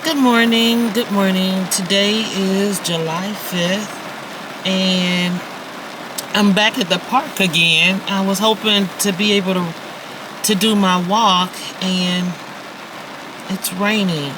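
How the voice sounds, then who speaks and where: Talking slowly in a steady, mid-range voice, a vlogger in her fifties chats straight to her viewers, filler words and all, in a self-shot phone video. She records outdoors at a park and inside her parked car, with noisy surroundings audible.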